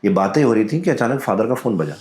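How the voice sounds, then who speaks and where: A man with a low voice and an Indian accent tells a true ghost story as a podcast guest. He speaks calmly and deliberately, mixing Hindi and English. His voice rings in a roomy echo. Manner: calm, deliberate, drops into quoted voices.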